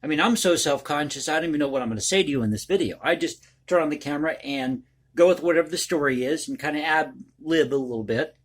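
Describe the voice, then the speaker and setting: Casting: male vlog host, slightly higher-pitched, conversational and folksy, rambling off the cuff. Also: quick pace. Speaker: online video host and commentator. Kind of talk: casual ad-libbed vlog monologue.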